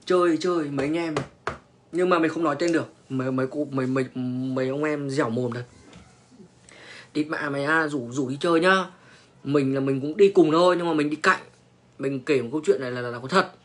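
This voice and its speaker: A man's voice: fairly high pitch, a little fast, a bit bright. A young man, telling a crude story in casual talk, swearing and stammering through repeated restarts. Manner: profane, repetitive stammering restarts, slangy. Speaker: online personality telling stories.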